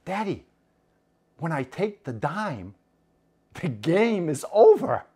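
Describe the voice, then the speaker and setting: A man's voice: a little high, sing-song, slow, darkish tone, breathy edge, pitched above the performer's own voice, heavily acted. A man voicing a wise, sly four-year-old girl in an eager, sing-song way.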